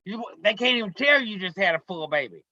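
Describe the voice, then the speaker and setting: A man's voice: sits high, expressive, brisk, bright, forceful tone, no room sound, highs cut off. A man hosting a casual group chat, playful and theatrical as he teases his friends. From United States. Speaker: host.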